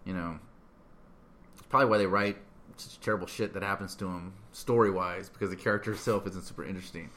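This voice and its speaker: A man chatting casually about a superhero film, acting out characters' lines in a softer voice. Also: low-pitched, fairly even intonation, fast talker.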